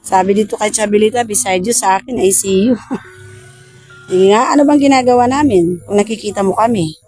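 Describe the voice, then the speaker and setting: A woman, a paranormal investigator vlogger, softly coaxing and pleading with spirits outdoors at night. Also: medium pitch, fairly quick, soft background music. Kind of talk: casual ghost-hunting vlog. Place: outdoors at a bus depot at night.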